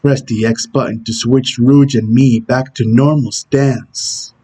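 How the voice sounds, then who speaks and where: Man doing a husky Shadow impression, stern game antihero. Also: mid-range voice, fairly even intonation, slow, warm tone. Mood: stern, instructional. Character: Shadow, brooding male video game antihero giving tutorial hints. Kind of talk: character impression reading game tutorial instructions.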